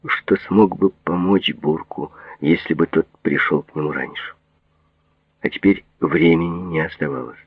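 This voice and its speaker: A male audiobook narrator with a very deep, gravelly voice that rises and falls in lively lines. His tone is husky and close, with no room sound. The audio is narrow and phone-like. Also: no echo. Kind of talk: audiobook reading of a detective novel.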